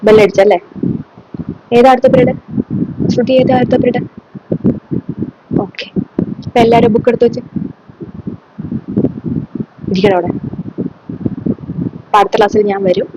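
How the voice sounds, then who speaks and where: A comedy sketch creator performs alone, lightly acting as a strict, middle-aged female teacher who sternly scolds and lectures her class with sarcasm. Her fairly high, steady voice moves at a normal speed with many pauses, against a noisy background.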